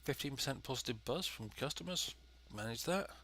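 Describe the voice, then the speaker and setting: A man's voice: mid-range voice, expressive, a little fast, a bit bright, slight background noise. A man with a stuffy, nasal voice from a head cold, giving casual let's play commentary and thinking aloud as he goes. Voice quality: nasal, congested. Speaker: gaming video host.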